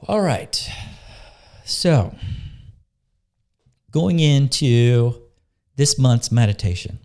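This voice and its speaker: Slow, soft-spoken meditation guide, a man. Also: medium pitch. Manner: calm, unhurried, pauses and restarts mid-phrase. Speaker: spiritual teacher leading a meditation.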